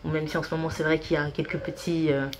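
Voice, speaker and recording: Speaking quickly in a low-pitched, flat voice, this thirtysomething consultant is a guest on a podcast, filling a casual interview with plenty of hesitations and fillers. A slight hiss or hum can be heard.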